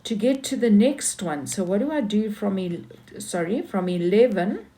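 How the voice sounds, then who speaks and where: A woman's voice: medium pitch, lively intonation, normal speed, dark tone. A woman teaching maths, talking patiently through each step of a worked example and repeating key points.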